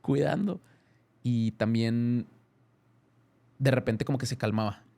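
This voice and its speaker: An unhurried, mid-range voice belongs to a man in his thirties with a Mexican accent. He's a guest in a casual interview, telling a lively story marked by many restarts and self-corrections.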